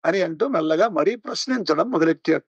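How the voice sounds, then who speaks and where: Man, high-pitched, devotional discourse, chanted verses then explanation, dull dry sound. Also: expressive, quick pace, breathy edge, dry recording. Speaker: religious discourse speaker.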